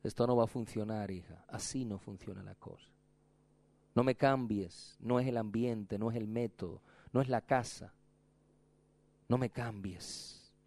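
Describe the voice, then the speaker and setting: A man voicing a calm royal bridegroom who gently and firmly corrects his bride. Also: lowish voice, pitched below the performer's own voice. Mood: gentle rebuke. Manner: slow, hushed, gently firm.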